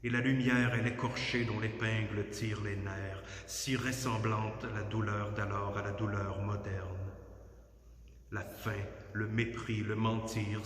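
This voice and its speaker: Strong echo and a long reverb tail mark this nighttime church recording of a man reciting poetry. His fairly low voice carries a solemn, declamatory tone, with measured phrasing and intonation that barely rises or falls.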